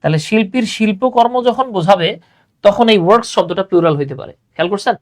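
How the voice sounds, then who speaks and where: A man's voice: high voice, fast. A young man teaches English grammar in an online class, chatty and full of little affirmations. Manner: chatty, repeats "হ্যাঁ", mixes English terms into Bengali.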